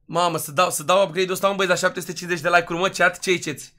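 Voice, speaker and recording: A high-pitched, bright-voiced young man hosting a gaming livestream from his computer. He talks straight to his chat and yells when a case opens or a donation comes in. The loud delivery stays close to the mic. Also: flat delivery. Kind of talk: hyped livestream commentary.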